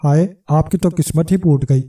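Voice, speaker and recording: A man's voice: fairly high pitch, mellow, husky, far from the mic. A man voicing a mocking, whiny young man who taunts his sister's husband, in a storybook reading. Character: mocking tearful young male brother-in-law.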